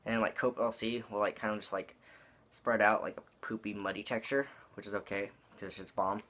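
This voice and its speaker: Young male reviewer, low register, slangy and meandering, speaking around a wad of chewing tobacco. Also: steady tone, a little fast, fairly bright tone. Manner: rambling, slangy and profane. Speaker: product reviewer. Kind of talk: casual review talk.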